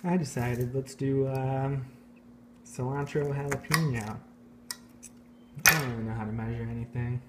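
A man in his thirties filming a casual home cooking vlog in his kitchen, talking in an offhand, self-mocking deadpan. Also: medium pitch, normal speed, pauses often, heavy background noise. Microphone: phone camera held at arm's length.

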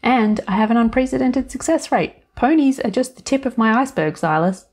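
A woman's voice: fairly high pitch, a little fast, voice pushed up. A woman voicing a bubbly, cheerful young woman with a breezy, playful way of talking. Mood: perky. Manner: bright, playful, chirpy.

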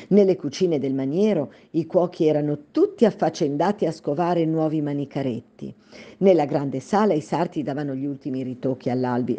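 Mellow woman reading a fairy tale. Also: low-pitched. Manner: calm, measured storytelling. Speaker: storyteller.

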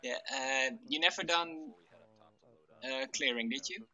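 A man's voice: mid-range voice, measured pace, sharp tone. A man leading a team in a military game, casually explaining tactics in a hesitant way over voice chat. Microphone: gaming voice chat. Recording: dull online voice chat.

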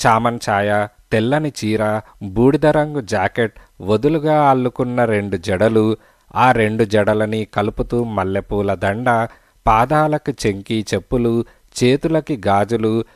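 A man narrating a detective story for an audiobook in a steady, measured storytelling manner. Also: on the low side, no room sound, clean studio sound.

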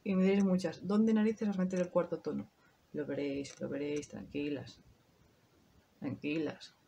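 A woman's voice: low voice, fairly even intonation, moderate pace, gravelly, dark tone, a little hiss or hum. A woman in her thirties with a Spain Spanish accent, chatting casually to her viewers through a makeup tutorial, swearing now and then. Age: 30s. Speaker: beauty vlogger.

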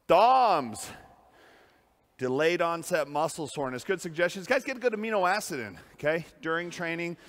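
Male personal trainer, slightly high, upbeat and winded while lifting, gym echo. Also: animated, moderate pace, fairly bright tone. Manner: upbeat, pumped-up coaching with breathy exhales. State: out of breath. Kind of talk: workout coaching while lifting.

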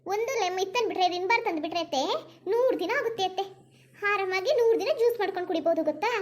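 A chirpy, naive young daughter-in-law, voiced by a woman for a cartoon, chatty and pleading in a Kannada accent. Her voice is very high and she talks fast. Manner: chatty, pleading, sing-song. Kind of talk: cartoon voice acting.

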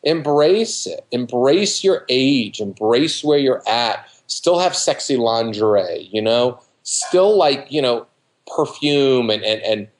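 Slow and expressive, with a medium-pitched voice, a man in his fifties coaches on dating as an interview guest, speaking casually, emphatically and repetitively while acting out quotes. He's in his living room at home on a video call, and the computer mic recording is rough.

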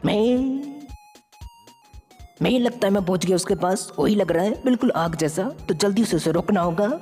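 A woman's voice: medium pitch, moderate pace, mellow, husky, natural voice. A woman voicing an earnest young male hero in a fan-made game story, talking to himself as he goes. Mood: eager. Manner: eager, earnest, talks to himself while acting. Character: brave young male hero who turns into aliens. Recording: reverberant with faint music.

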